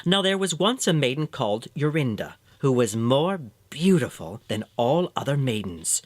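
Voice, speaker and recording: A male storyteller narrates a scripted fairy tale in a measured, expressive way, his medium pitch swinging widely from one phrase to the next. The recording is close and dry, with no room sound.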